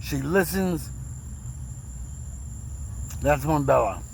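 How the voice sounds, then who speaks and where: Man with stroke-slurred, gravelly speech. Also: on the high side, animated, very slow, slight background noise, poor audio. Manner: rambling, repeats words, emotional. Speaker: vlogger telling his story. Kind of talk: casual personal storytelling.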